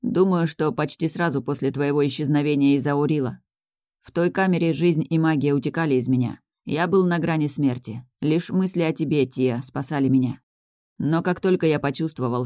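A woman's voice: low voice, a little fast, mellow, no room sound, studio quality. Woman voicing a remorseful young male mage. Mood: grave. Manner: tender, regretful.

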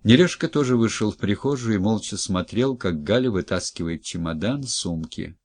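A male narrator reads an audiobook with steady, measured delivery. His voice sits low, and the recording is dry and close with no room sound. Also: no room sound.

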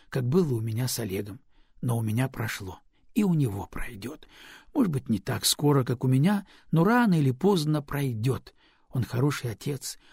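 A husky-voiced man voicing a worried young mother who pleads gently with her daughter, read for an audiobook. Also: mid-range voice, no room sound, studio quality. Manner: pleading, tender.

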